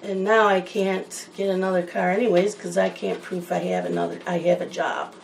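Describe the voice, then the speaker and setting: A woman's voice: fairly low pitch, steady tone, normal speed, gravelly, a little hiss or hum, low-quality recording. A woman chatting in a rambling, casual way while she colors, wandering from one topic to the next. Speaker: coloring channel host.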